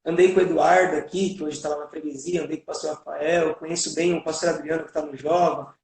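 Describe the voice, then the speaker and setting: A man's voice: on the high side, steady tone, fast talker, a little mellow. A man hosting a live video chat who speaks in an attentive, affirming way. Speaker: host. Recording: echoey, distant mic.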